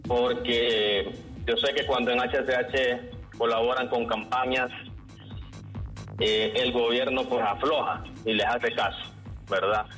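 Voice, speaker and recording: Exasperated Honduran caller, blunt and earthy. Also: male voice, medium pitch, fairly even intonation, slow pace, fairly bright tone, soft background music, low-quality recording.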